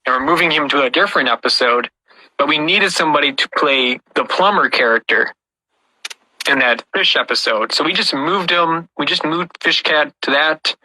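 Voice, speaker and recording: A man's voice: fairly high pitch, normal speed, pushed and bright, dry recording, rough recording. A man hosting a casual podcast about puppets, telling stories with frequent restarts. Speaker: podcast host and puppet creator.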